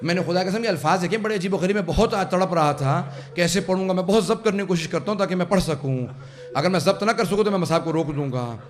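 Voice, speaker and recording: A man preaching a mourning sermon who tells the story to the gathering and builds into impassioned, tearful recitation. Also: high voice. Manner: addresses the audience directly. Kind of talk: Urdu majlis sermon. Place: religious centre hall.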